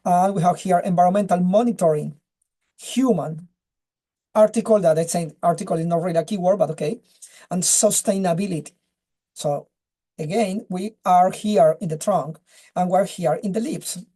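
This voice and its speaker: Casting note: a man with a mellow voice, halting and restarting on a video call. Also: sits high. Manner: halting, searches for words, many restarts. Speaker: webinar speaker. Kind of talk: casual presentation and chat.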